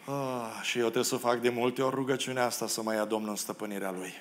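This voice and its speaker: A pastor from Romania preaching a sermon in a church, acting out the quoted biblical figures and making self-deprecating asides to the congregation. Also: male voice, medium pitch, a little hiss or hum. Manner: expressive preacher who acts out the biblical quotes. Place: church hall.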